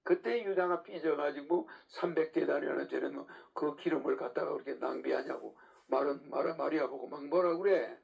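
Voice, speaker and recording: A man delivers a sermon in a loose, conversational lecturing style, firing rhetorical questions at his listeners. His voice sits fairly high and has a gravelly rasp. The recording sounds muffled and lo-fi. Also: moderate pace, a little mellow. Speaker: preacher. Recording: dull lo-fi recording.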